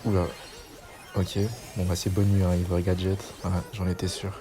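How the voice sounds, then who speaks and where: A man's voice: sits low, completely flat delivery, moderate pace. A young man giving casual, chatty gameplay commentary as a gaming YouTuber, self-mocking and slangy.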